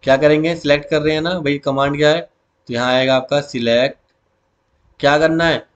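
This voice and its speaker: A teacher with a slightly high voice runs an exam revision lesson and keeps calling his students "beta." He throws key words back to the class as questions. When he reads the commands out, he goes slowly, word by word. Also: fairly even intonation, highs cut off.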